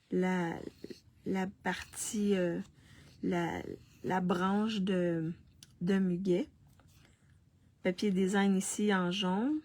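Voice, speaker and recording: Slow husky lady showing handmade cards on a live stream, frog in her throat, lots of ums. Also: fairly low pitch, darkish tone. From Canada. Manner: slow, halting, with many restarts and fillers. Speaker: card-making demonstrator hosting a live stream. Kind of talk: casual live craft demonstration.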